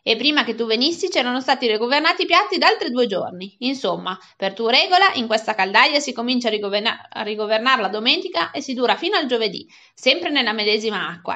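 A woman's voice: a little high, bright, forceful tone. Woman playing a bossy, crafty school cook. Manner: bossy, scolding. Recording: dull lo-fi recording.

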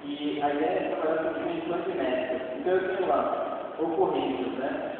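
A Brazilian man with a fairly high voice speaks at a moderate pace, giving an informal conference talk and live demo and often tossing in short tag questions to check agreement. He's on the stage of a large dark auditorium, picked up by a distant audience camera, so the sound is echoey, noisy, tinny, and far off.

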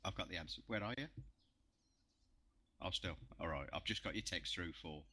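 Male gamer, low voice with a crisp bright tone, animated banter. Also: moderate pace, slight background noise. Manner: animated, swears freely. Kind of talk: casual chat while gaming.

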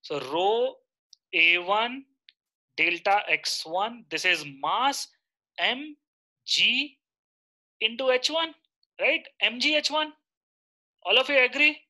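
A man's voice: sits high, pushed and bright. A man in his thirties with an Indian accent, teaching a live online lecture and often checking in with short questions.

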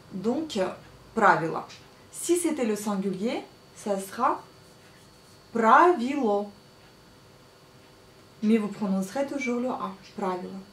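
A woman teaching a casual spoken lesson, slowly repeating each word with care while she writes on a small slate. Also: medium pitch. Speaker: Russian language teacher. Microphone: writes on a small slate while talking. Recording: echoey room, faint ambience.

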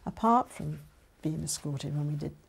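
A woman's voice: low-pitched, moderate pace, vocal fry, husky, rough recording. An older woman earnestly recalling frightening wartime moments. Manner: plain, earnest recollection. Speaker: interviewee recalling wartime occupation. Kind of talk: reminiscing testimony.

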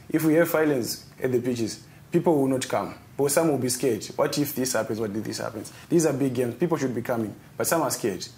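A man's voice: medium pitch, warm tone, a little hiss or hum. A young man from Zimbabwe, a football club captain, answering interview questions earnestly in a TV studio and repeating words as he searches.

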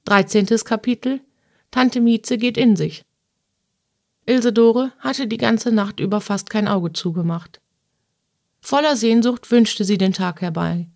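A woman reads a classic novel aloud in a measured, mid-pitched voice. She lifts her pitch to act out shrill cries in the dialogue. The sound is close and dry, with no room around it. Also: gravelly, a little mellow, dry recording. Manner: acts out dialogue with raised pitch for shrill outbursts. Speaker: audiobook narrator. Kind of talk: scripted narration of a classic novel.

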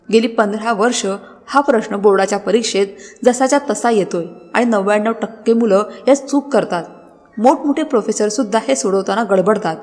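A woman's voice: fairly high pitch, a little mellow, natural voice. A woman voicing a strict, commanding middle-aged female math teacher in a storybook narration. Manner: commanding, scolding. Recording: long reverb with background music.

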